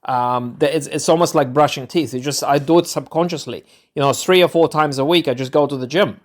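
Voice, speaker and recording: A man's voice: on the high side, fairly quick. Hesitant man from Ukraine telling a story. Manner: hesitant, many fillers and restarts. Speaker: podcast host. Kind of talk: personal story, casual monologue.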